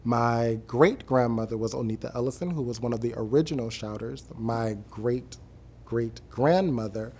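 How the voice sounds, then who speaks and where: A man from coastal Georgia, speaking earnestly and deliberately in a reflective documentary interview. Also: mid-range voice, dark tone, a little hiss or hum. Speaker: member of a traditional singing group. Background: music.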